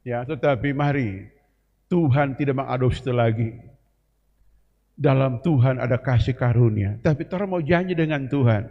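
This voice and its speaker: A man's voice: mid-range voice, moderate pace, long pauses. A man preaching a sermon, prodding his congregation to answer and repeat after him. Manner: lively, calls on congregation to repeat and respond. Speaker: pastor. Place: church hall. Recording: reverberant church hall, muffled sound.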